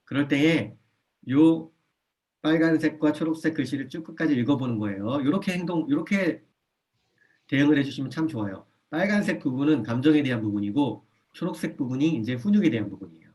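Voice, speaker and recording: A man with a slightly high voice speaks fairly quickly as he leads a church parenting class in a church hall. Full of energy, he checks that listeners keep up, repeats his main points and frequently voices a parent softly.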